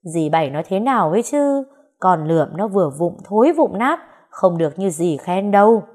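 A woman's voice: medium pitch, sing-song, moderate pace, a little mellow. A woman voicing a lecherous middle-aged man who wheedles and makes excuses. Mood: wheedling.

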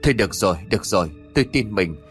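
Man playing a blunt village farmer, brusque, lively pitch. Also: rapid-fire, soft background music, close to an everyday voice. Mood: gruff.

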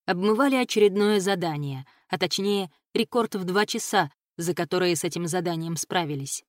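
A woman narrating a fantasy audiobook with a steady, expressive reading. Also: fairly low pitch, moderate pace, no room sound, clean studio sound. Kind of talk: scripted narration of a fantasy novel.

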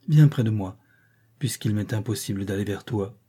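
Man voicing a gentle starving mother. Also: fairly low pitch, moderate pace, breathy edge. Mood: tender. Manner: soft, murmuring, pained.

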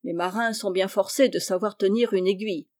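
Woman narrator doing an old maiden aunt, calm and matter-of-fact; storybook read-aloud. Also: medium pitch, a little fast, no room sound, clean studio sound, close to an everyday voice. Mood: fond.

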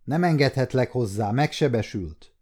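A man's voice: medium pitch, animated, a little mellow, natural voice. An adult man voicing a curt, dismissive male gate guard.

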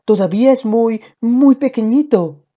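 A woman reading aloud, voicing a gentle, cheerful young mother in a children's storybook with a sweet, sing-song manner. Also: on the high side, unhurried, pitched above the performer's own voice. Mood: tender. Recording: dull lo-fi audio.

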